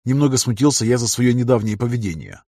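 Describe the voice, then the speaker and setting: A man narrating a first-person fantasy audiobook in a measured, even reading. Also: medium pitch, breathy edge, no room sound, studio quality.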